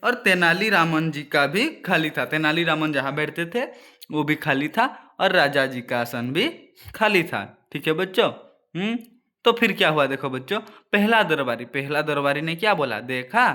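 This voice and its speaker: Bright-voiced male teacher reading to kids. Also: fairly high pitch. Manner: addresses children often, explains word meanings. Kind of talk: reading and explaining a story to children.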